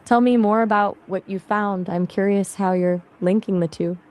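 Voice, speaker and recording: A woman's voice as an AI assistant in casual conversational chat, upbeat and chatty with quick, lively replies. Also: mid-range voice.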